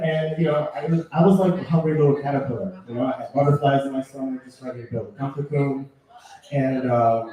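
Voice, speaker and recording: A Puerto Rican man doing an open mic stand-up set, telling stories deadpan and then bursting into shouted punchlines. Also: mid-range voice. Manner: deadpan storytelling with sudden shouted outbursts. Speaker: stand-up comedian. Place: small bar with live audience. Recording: echoey bar room, mic heard from a distance.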